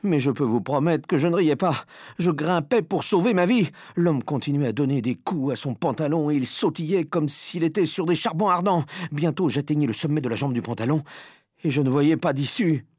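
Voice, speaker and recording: A man reading a children's story aloud with dramatic, expressive first-person narration. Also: fairly high pitch, normal speed, no room sound, clean studio sound. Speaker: audiobook reader.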